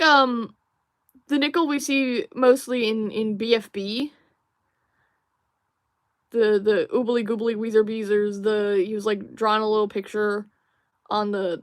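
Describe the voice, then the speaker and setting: A young woman livestream host rambles and muses while drawing, chatting casually with many fillers and restarts and reading viewer chat aloud. Her voice is mid-range, and the sound is dry with no room sound.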